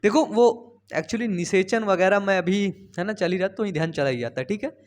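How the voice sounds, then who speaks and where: With a high voice at a moderate pace, a young man teaches biology in a Hindi classroom style. He's chatty and coaxing, asking his students questions and going over key terms repeatedly.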